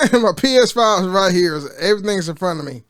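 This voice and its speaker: A man with a fairly high voice chats casually from his desk, stumbling and restarting as he reads an article aloud. He is from the United States, and the recording is dry and close, with no room sound. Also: lively intonation, fairly bright tone, no room sound. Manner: rambling, halting, with many restarts and fillers. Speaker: gaming vlogger.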